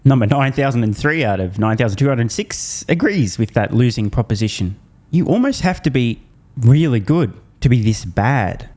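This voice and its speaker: An Australian man delivers finance commentary with a dark, mellow tone. He is blunt and mocking, leaning hard into sarcasm. His pitch sits mid-range for a man. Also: expressive, moderate pace.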